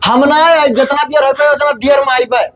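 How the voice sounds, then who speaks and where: A man's voice: very high voice, steady tone, a little fast, a bit bright. A man playing a stubborn young village husband in a comedy skit, bickering bluntly in an Awadhi accent. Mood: annoyed. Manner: blunt, bickering rustic talk.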